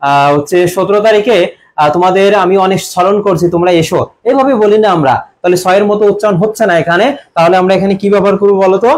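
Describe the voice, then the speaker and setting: A Bangladeshi man with a high voice runs a live online admission-prep class. He drills his students, asking a question again and again and then answering it himself, and he reads out the names of viewers who commented. He sounds young and talks like a teacher working through a syllabus. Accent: Bangladeshi Bengali.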